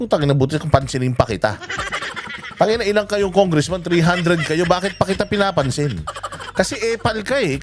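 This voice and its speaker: A man's voice: a little high, slight background noise. A man with a Filipino accent ranting in mocking, angry commentary and swearing often as a vlogger reacts to news clips. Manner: angry, mocking, swears a lot, switches between Tagalog and English. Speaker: political vlogger.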